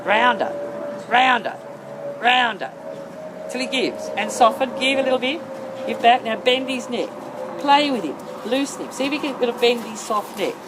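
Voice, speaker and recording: A woman's voice: fairly high pitch, moderate pace. A woman working as a horse-riding instructor, calling out short, insistent, repeated coaching commands in an outdoor arena. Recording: outdoor noise over camera microphone. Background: outdoor ambient noise.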